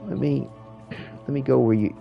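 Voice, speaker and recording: A man's voice: mid-range voice, steady tone, normal speed, vocal fry, dull audio, soft background music. A man giving casual gaming commentary in a rambling, slangy way, often repeating his words. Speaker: streamer showing a game to a viewer.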